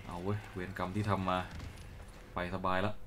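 A man doing let's play commentary, dubbing the characters live while swearing and joking excitably. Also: deep voice, moderate pace, heavy background noise. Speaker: game commentator. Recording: game sounds behind.

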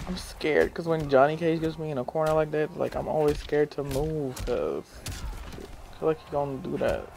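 Gravelly man trash-talking through gameplay. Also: a little high. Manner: excitable trash talk with swearing and taunts; nervous self-talk and sighs when losing. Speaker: gamer commenting on his online fighting game matches. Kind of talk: casual gameplay commentary.

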